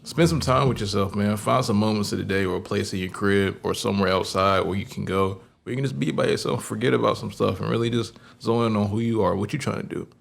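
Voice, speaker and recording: Gravelly young man giving laid-back advice. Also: fairly low pitch, quick pace, few pauses. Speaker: podcast co-host. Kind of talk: casual chat.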